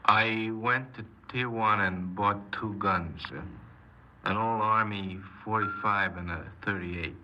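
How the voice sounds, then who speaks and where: In a noisy, muffled 1950s radio crime drama broadcast, an actor plays a cold, embittered young man confessing his crimes. His voice is fairly low, a little slow and close to everyday speech, and he delivers the halting confession tersely and guardedly.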